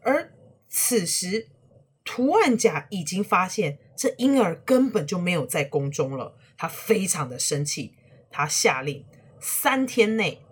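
A woman telling a historical story to children, animated and speaking to the young listeners directly. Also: on the low side, breathy edge.

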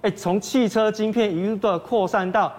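A man's voice: high-pitched, fairly even intonation, normal speed, a little mellow. A man with a Taiwanese Mandarin accent giving financial commentary as a guest analyst, explaining step by step and posing questions he then answers.

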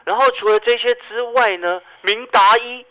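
A man with a Taiwanese Mandarin accent giving radio stock market commentary, animated and full of rhetorical questions to the listener. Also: very high voice, normal speed, smooth, poor audio.

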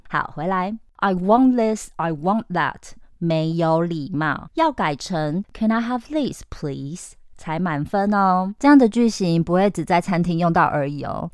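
A woman with a Taiwanese Mandarin accent, an English teacher from Taiwan hosting a podcast lesson, coaxing and lively, slowing down to model phrases. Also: on the low side, clean tone, dry recording, clean studio sound.

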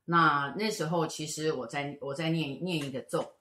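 A middle-aged woman tells a story in a casual chat and briskly acts out the people in it. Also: deep voice. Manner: lively, acts out the voices of people in her stories. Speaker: fortune teller and show co-host. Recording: echoey room.

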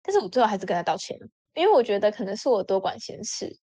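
A woman telling a story in a casual chat with lots of expression, jumping up in pitch when she voices her friends. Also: rapid-fire. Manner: animated, acts out friends' lines with sudden pitch jumps. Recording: dull lo-fi audio.

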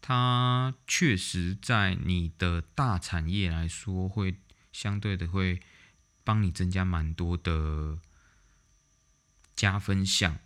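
Man, vlog host, deep low voice, casual storytelling, blunt, animated, mild swearing. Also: takes it slowly.

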